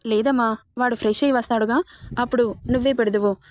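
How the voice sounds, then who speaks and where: A woman voicing a warm-hearted middle-aged mother-in-law who coaxes and reassures the young bride in a storybook reading. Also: on the high side, steady tone, fast, no room sound, studio quality, lightly acted. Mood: coaxing. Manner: coaxing and reassuring.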